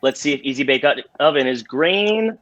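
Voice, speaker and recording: A man's voice: fairly high pitch, animated, moderate pace, lo-fi sound, background noise. A man hosting a live trivia game in an upbeat, showy cruise-director style of announcing. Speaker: game show host.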